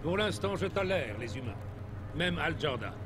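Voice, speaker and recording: An actor voicing a scheming, arrogant alien tyrant in dubbed video game dialogue, with a haughty, mocking manner. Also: male voice, fairly high pitch, animated, moderate pace, far from the mic. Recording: game audio under loud score.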